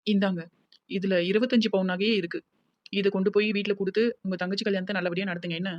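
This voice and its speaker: A voice actor playing a devoted young village woman with a Tirunelveli accent, who talks in a gentle, comforting but insistent way in a cartoon. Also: mid-range voice, steady tone, quick pace, no room sound, highs cut off, lightly acted. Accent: Tirunelveli Tamil.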